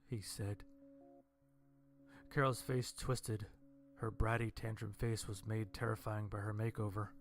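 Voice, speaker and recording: A man narrating a first-person horror story in a dry, deadpan way. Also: lowish voice, a little slow.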